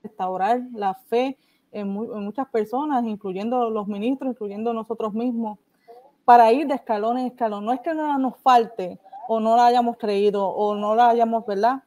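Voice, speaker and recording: A woman's voice: on the high side, moderate pace, warm tone. A woman in her forties hosting a casual video-call interview, affirming her guest often. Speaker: host. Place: home room, indoors. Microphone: laptop on a video call.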